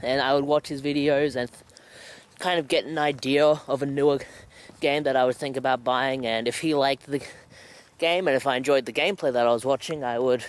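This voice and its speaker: A young Australian vlogger chats casually to a handheld camera held at arm's length, breathing heavily as he walks outdoors at night through a suburban riverside area. His mid-range voice is brisk with fairly even intonation.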